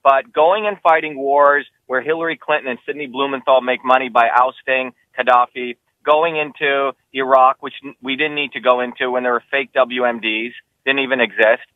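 A man's voice: fairly even intonation, normal speed, hardly any pauses, no echo, phone-quality sound. A man, who grew up in New Jersey, answering interview questions as a political candidate, talking emphatically and insistently. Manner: emphatic, insistent, rising pitch when heated.

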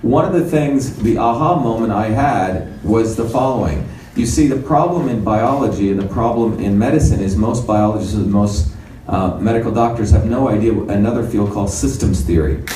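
With a fairly low, dark voice at a normal pace, a man from India in his fifties walks through a conference lecture with slides, explaining in a chatty manner. The conference room sounds large, the microphone is distant, and there is faint noise.

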